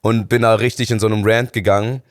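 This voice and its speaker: A man's voice: lowish voice, fast talker, clear, resonant tone, no room sound. A man in his thirties, a studio guest, telling his story casually with slang and acting out the people he quotes. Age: 30s. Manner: slangy, animated, acts out quoted dialogue.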